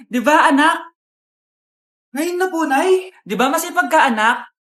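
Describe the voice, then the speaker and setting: Woman, very high voice, comedy skits, playing all the parts, echoey room. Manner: switches between characters, often shouting. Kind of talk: comedic skits, one voice playing every part.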